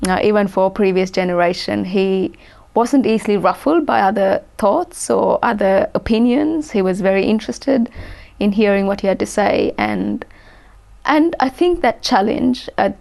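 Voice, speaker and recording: A woman in her forties from Sri Lanka, a guest in an interview, speaking thoughtfully with many pauses and restarts. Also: medium pitch, creaky, a little mellow. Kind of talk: interview conversation.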